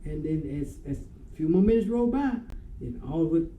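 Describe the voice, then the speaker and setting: A man's voice: a little high, expressive, a little fast, mellow. A man in his sixties telling his dream story in an emotional, repetitive, dramatic way, acting out each moment. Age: 60s. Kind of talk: emotional first-person storytelling. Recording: echoey room with faint hum.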